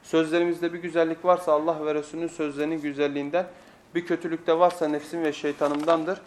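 Man, preacher, pulpit microphone, high-pitched, emphatic, repeats key phrases, rhetorical questions. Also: little pitch movement, quick pace. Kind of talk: weekly sermon lesson.

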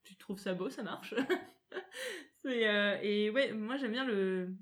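A woman's voice: medium pitch, big pitch swings, takes it slowly. A woman co-hosting a casual round-table podcast, talking with many hesitant fillers. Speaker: podcast co-host.

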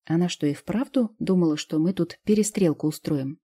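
Low, husky woman narrator. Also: moderate pace, dark tone. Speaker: audiobook narrator. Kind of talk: scripted first-person narration.

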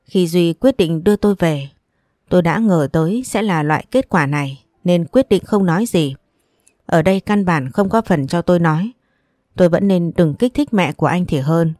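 A woman narrating a first-person audiobook story in a calm, even manner. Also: on the low side, moderate pace, no room sound, studio quality.

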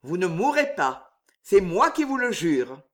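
A woman's voice: on the low side, sing-song, measured pace. A woman reading an audiobook, voicing a terse, possessive king. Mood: commanding. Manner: terse, commanding. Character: adult male king, curt and possessive.

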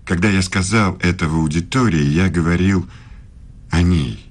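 Here the same radio-play actor voices the married, middle-aged philosophy professor, formal and quietly, insinuatingly intimate. His low-sitting male voice moves at normal speed, and the mood turns solemn and intimate.

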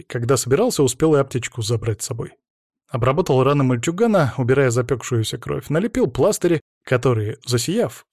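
Lively male audiobook narrator. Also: medium pitch, dry recording, clean studio sound. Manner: expressive, varied storytelling. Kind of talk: first-person audiobook narration.

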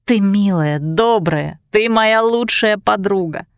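A woman's voice: medium pitch, takes it slowly, smooth, no room sound, studio quality. A woman voicing a young, emotional best friend in an audiobook, speaking in an earnest, pleading way. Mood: tender. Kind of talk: audiobook character voice.

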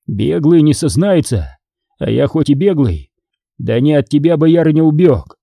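A man's voice: fairly high pitch, animated, moderate pace, creaky, dark tone, no echo. Narrator as a battered tired craftsman, moaning, dry close sound. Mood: pleading. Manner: moaning, pleading. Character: wounded exhausted male goldsmith, crafty.

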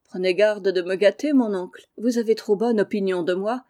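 A woman voicing a kind, modest young girl with a gentle manner. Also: mid-range voice, normal speed, close to an everyday voice.

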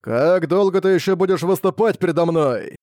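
Male narrator doing a menacing demonic spirit for a storybook; pitched up, forceful, scornful, dry close sound. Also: moderate pace, no room sound, natural voice. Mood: mocking. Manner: scornful, booming threats. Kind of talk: audiobook reading.

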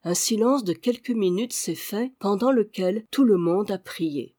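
A reader narrating a historical adventure novel in a measured way. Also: medium pitch, mellow. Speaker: audiobook reader. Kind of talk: scripted narration.

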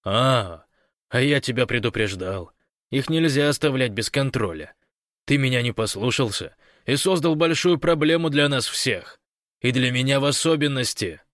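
A man voicing a sly, scheming man who feigns meekness, speaking soft and wheedling in an audiobook. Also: mid-range voice, lively intonation, normal speed, dry recording, studio quality, pitched above the performer's own voice, lightly acted. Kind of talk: audiobook character voice.

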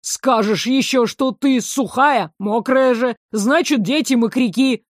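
A woman's voice: a little high, measured pace, no room sound, clean studio sound. A woman voicing a sarcastic female water spirit who taunts in a singsong way. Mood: taunting.

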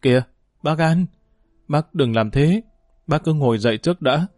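A man's voice: on the high side, normal speed, a little mellow, dry recording, clean studio sound, lightly acted. A man voicing a worried young man who stammers anxiously, in a storybook reading.

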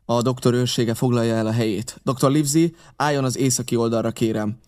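A man's voice: medium pitch, fairly even intonation, darkish tone, lightly acted. A man reading an audiobook, voicing a wary, commanding ship captain who barks curt orders. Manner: barked orders, curt and clipped.

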